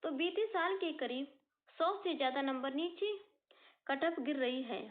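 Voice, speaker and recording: A woman's voice: sits high, measured pace. A woman coaching teacher explaining exam results to students in an earnest, informal way, often repeating and rephrasing her points. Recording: tinny phone-like sound.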